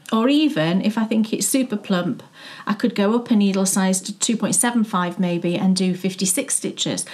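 Middle-aged English woman co-host, chatty and musing, slightly high voice, casual knitting-show chat. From South Yorkshire, England. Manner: chatty, musing aloud with restarts. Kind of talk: casual chat about yarn. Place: living room with yarn shelves, indoors.

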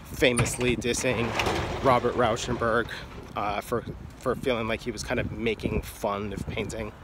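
A man's voice: mid-range voice, background noise. A man giving casual, frank explanatory talk about art in an offhand, irreverent manner. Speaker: artist and video creator.

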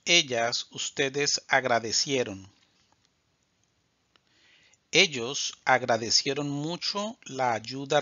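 A man teaching Spanish verb forms in a slow scripted drill, saying each form deliberately and clearly. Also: mid-range voice, sharp tone, dry recording. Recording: dull lo-fi sound.

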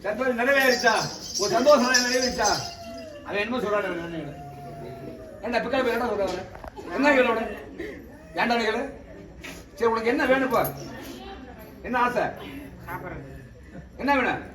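A temple oracle medium leads a ritual oracle session, coaxing and questioning people in a familiar manner. His voice is very high-pitched, at a moderate pace with frequent pauses. The recording is echoey and distant, with crowd noise and loud background sound.

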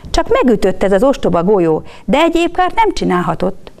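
A woman voicing a brave, kind male general who speaks gently and reassuringly. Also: mid-range voice, very animated, gravelly. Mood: kindly.

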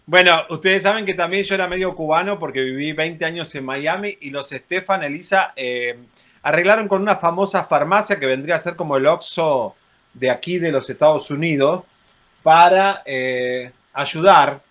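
A middle-aged man talks gossip over a video call from home, wry and joking. His voice is a bit high for a man, and he halts on fillers as he goes. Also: moderate pace, a bit bright. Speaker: co-host. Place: home room.

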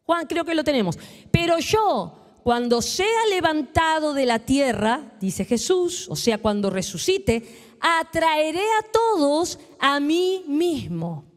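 A woman's voice: high voice, sing-song, slow, in a large hall. A woman preacher with a Rioplatense Spanish accent, leading her congregation in prayer and call-and-response during a sermon. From Argentina. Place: church hall.

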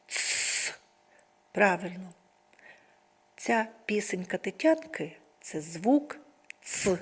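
A woman kindergarten teacher talks small children through a speech lesson in an unhurried, drawn-out way. Her voice is soft and breathy, with a middle pitch. She sings her phrases and shapes each sound with exaggerated care. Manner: slow, sing-song, exaggerated articulation.

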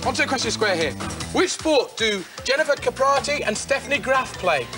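A young British man hosting a children's game show in an excitable manner, urging the contestants along. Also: very high-pitched, brisk. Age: young adult. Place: large TV studio with game set and audience. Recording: music and audience noise behind voice. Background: music and studio crowd.

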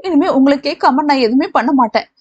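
A woman's voice: sits high, expressive, brisk, dull audio. A woman voicing a young woman who pleads tearfully with her mother. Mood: pleading.

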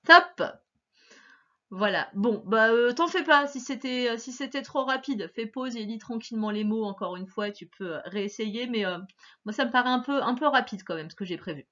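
Bright, lively woman teacher, slow and reassuring, dull lo-fi recording. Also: on the high side. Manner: patient, slow and encouraging, stressing each sound. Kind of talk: recorded phonics lesson for a child.

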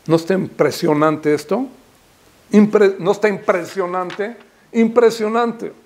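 A man's voice: sits high, takes it slowly, a little mellow. A man, a rabbi giving a Torah sermon, emphatic and rising to impassioned repeated calls, with Hebrew terms mixed in. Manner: peppers speech with Hebrew terms.

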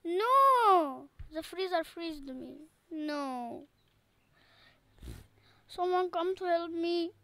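A woman giving casual gameplay commentary, excitable and repeating herself in pleading cries. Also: very high-pitched, extremely slow, long pauses, dry recording. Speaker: gaming channel host.

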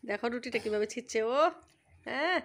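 At home, a village vlogger chats animatedly with her viewers, calling them brothers and sisters, in a fairly high voice at a slightly fast pace. Her face is swollen from a toothache as she keeps up the casual talk.

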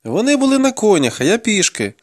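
A frightened young soldier who ran from battle, as a male reader puts him on, his voice pitched high and strained as he pleads and cries out. The delivery lurches with animated rises and falls, recorded close and dry. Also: a little fast, dry recording, full character voice. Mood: pleading, terrified. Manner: desperate, begging, crying out. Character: terrified young male army deserter, pleading.

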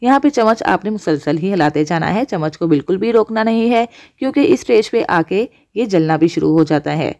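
A woman's voice: lowish voice, animated, a little fast, hardly any pauses, a little mellow. A woman hosting a cooking channel, explaining each step of a recipe to viewers. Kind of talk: voice-over recipe instruction.

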